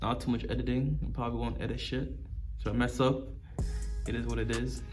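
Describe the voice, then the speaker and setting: A man's voice: mid-range voice, level tone, a little fast. Slangy man chatting casually over music. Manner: slangy street talk, informal. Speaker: video channel host. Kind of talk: casual off-the-cuff talk to camera.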